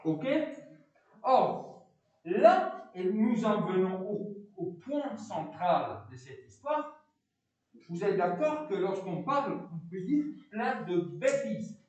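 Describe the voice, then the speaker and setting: A philosophy teacher with a foreign accent, lecturing a class with animated delivery, often stopping to ask students questions and repeating words. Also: male voice, sits high, takes it slowly, very echoey, recorded from a distance, muffled recording. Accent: foreign accent in French.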